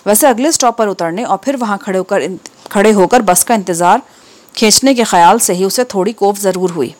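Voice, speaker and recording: Woman, textbook reading, careful measured delivery, steady pauses, mid-pitched voice. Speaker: textbook reader. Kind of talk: reading an Urdu textbook aloud.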